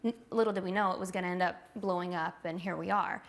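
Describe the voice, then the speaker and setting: A woman's voice: fairly low pitch, fairly even intonation, quick pace, heavy background noise. A woman, the fighter's partner, looking back in a casual documentary interview, with lots of "like" fillers. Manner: reflective, many "like" fillers.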